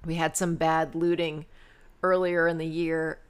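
A woman with a fairly low voice chats casually and tells stories with animated energy. She talks the way people do with a friend, easy and lively. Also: measured pace, clean tone. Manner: chatty, animated storyteller. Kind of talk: casual chat.

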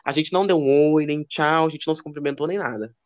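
A man co-hosting a podcast, telling gossipy stories in a casual, animated way. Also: fast. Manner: expressive, lively pitch. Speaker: podcast co-host. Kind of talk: casual chat.

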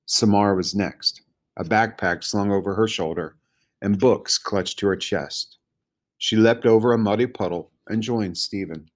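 Brief: low-pitched male audiobook narrator with a calm, measured reading. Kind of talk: storybook narration.

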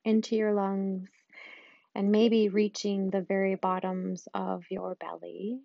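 A woman guiding a loving-kindness meditation in a slow, soft and soothing way, with long pauses. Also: mid-range voice, flat delivery, creaky, dry recording, dull audio. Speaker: meditation guide.

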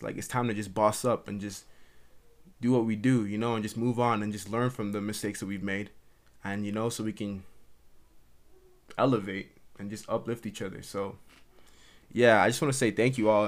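A young man hosting his own podcast from his mother's house, talking earnestly and ramblingly into the camera, with lots of "like" and restarts. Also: lowish voice. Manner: earnest, rambling, heavy use of "like". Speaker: podcast host. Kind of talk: casual solo monologue. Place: at home in his mother's house, dimming light. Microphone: camera recording.

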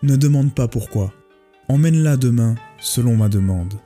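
A sly young man voiced by a male storyteller pretends to be a powerful mountain goblin. He gives orders in a haughty, commanding tone, his voice dark and husky over faint music. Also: mid-range voice, normal speed, natural voice.

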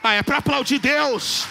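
A man preaching a sermon in a church, addressing listeners by name and quoting scripture slowly and with emphasis. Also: very high-pitched, gravelly, background noise. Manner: preaches with rising emphasis, quoting scripture with slow deliberate phrasing. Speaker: pastor. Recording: long reverb of a church hall.

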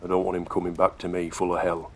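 A man voicing a kindly but brisk middle-aged mine overseer who speaks in a fatherly way. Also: low-pitched, monotone. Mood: gruffly practical. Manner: brisk, fatherly, calls the boy lad.

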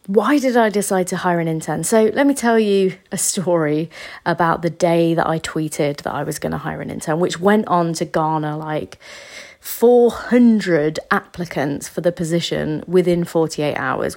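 A woman hosting a casual solo podcast. She is stuffy from a cold, speaks softly and half-whispered, and chats with quick asides. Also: on the low side. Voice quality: soft, half-whispered delivery. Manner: chatty, with quick asides and restarts. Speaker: podcast host.

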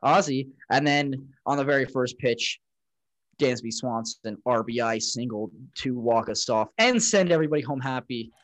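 A man's voice: medium pitch, moderate pace, dry recording. Rambling man recapping a ballgame. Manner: rambling, recaps plays with frequent fillers. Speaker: podcast co-host. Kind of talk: casual sports chat.

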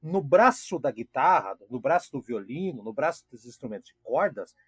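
A man co-hosting a casual music chat, jokey and quick to interrupt, repeating words as he explains. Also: medium pitch, sing-song, husky, no echo, studio quality. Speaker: co-host. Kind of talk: casual podcast chat about classical music.

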